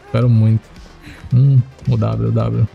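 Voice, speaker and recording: A man giving excitable live commentary as he plays a horror game, chatting to his viewers and jumping to high yelps when he panics. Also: a little slow, gravelly, narrow, tinny audio, faint music behind. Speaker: streamer playing a horror game.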